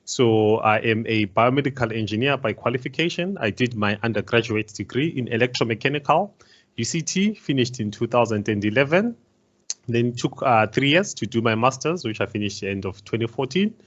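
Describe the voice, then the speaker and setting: A man from Zimbabwe on a career panel, speaking haltingly with many pauses and fillers. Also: medium pitch, expressive. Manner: halting, many ums and uhs. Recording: dull lo-fi video call.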